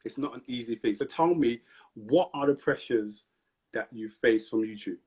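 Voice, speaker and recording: A man hosts a live-streamed interview, staying upbeat and hyping the audience between questions, often repeating prompts to them. His mid-range voice moves at a moderate pace and is a little mellow with a breathy edge.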